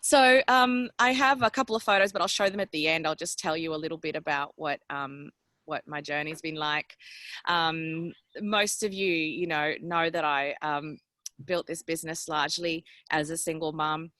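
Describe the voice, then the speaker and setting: A woman's voice: sits low, fairly even intonation, normal speed, fairly bright tone, no room sound. A woman in her forties from El Salvador, telling her personal story in a candid, chatty, self-deprecating way over a headset from a public venue. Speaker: guest speaker. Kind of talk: personal story on a video call.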